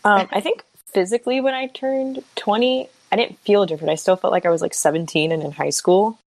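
A woman's voice: mid-range voice, a little fast, darkish tone, no echo. A woman in her twenties in a casual chat, telling a story with lots of animation and acting out her own quotes. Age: 20s.

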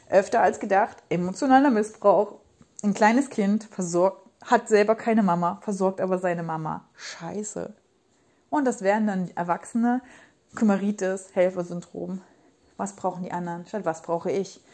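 On a podcast microphone, a thirty-something parenting coach delivers a casual monologue, passionate and rambling, hammering points with emphatic repetition. Her voice is medium in pitch with a darkish tone.

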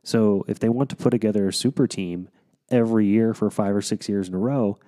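A man's voice: on the low side, steady tone, fairly quick, dark tone. A man co-hosting a casual chat, playfully argumentative, explaining things at length with frequent ums and restarts.

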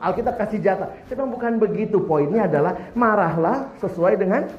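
A man preaching a sermon, humorous and animated, putting questions to the congregation. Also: high voice, a little fast. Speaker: pastor. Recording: roomy, slightly dull, faint background noise.

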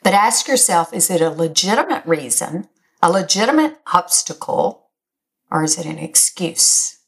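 An older woman with a raspy, slightly hoarse voice, speaking as a host in an encouraging, emphatic motivational talk straight to her listeners. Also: fairly low pitch, big pitch swings, moderate pace. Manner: encouraging, direct address, emphatic. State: slightly hoarse, recovering from illness. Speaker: podcast host.

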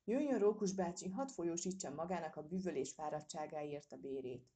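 A woman's voice: sits low, dark tone, close to an everyday voice. A woman voicing an impatient old father squirrel who grumbles and presses for answers. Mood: grumbling.

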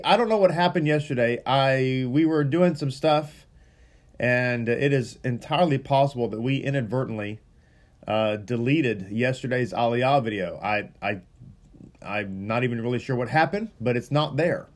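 A rabbi from Texas with a medium-pitched voice casually welcomes a livestream audience before a Torah reading. He is earnest and rambling, often stumbling and repeating words.

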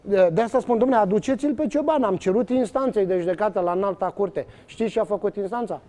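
A man, speaking as an interview guest, telling his story emphatically with many fillers and restarts. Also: high-pitched. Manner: animated, many fillers and restarts, acts out quoted exchanges.

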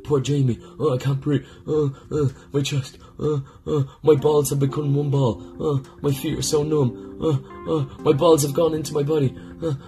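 A man doing a whimpering, self-pitying moaner who gasps and groans over his complaints, pitched well above his usual voice. Gentle guitar music plays behind him. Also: little pitch movement, normal speed, hardly any pauses, close to an everyday voice. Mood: whiny. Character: whiny self-pitying man moaning about the cold.

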